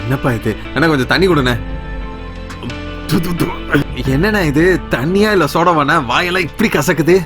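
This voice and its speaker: A man voicing a simple-hearted young quarry worker, grieving and tearful, pleading in plain rustic speech with a slightly high voice. Dubbed film dialogue with film score music behind. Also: normal speed, pauses often, lightly acted.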